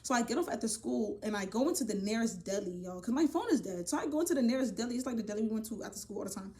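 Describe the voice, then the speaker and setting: Young woman, slightly high voice, chatty and profane vlogger telling a personal story to her viewers. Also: racing. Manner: casual, profane, animated storytelling addressing viewers as y'all. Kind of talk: storytime vlog.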